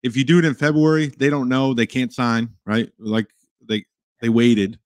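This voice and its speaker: An excitable man co-hosts a sports podcast and often stammers as he restarts his thoughts. His voice is mid-pitched and sounds dry and close to the mic. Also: moderate pace, no echo. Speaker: podcast co-host. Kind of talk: casual sports podcast chat.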